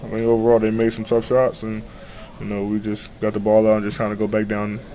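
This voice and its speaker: A young man in his twenties, a basketball player giving a low-key postgame interview in a locker room, filler-heavy and matter-of-fact. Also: fast, slight background noise, rough recording. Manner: low-key, flat, many "you know" fillers. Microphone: handheld reporter mics close to face.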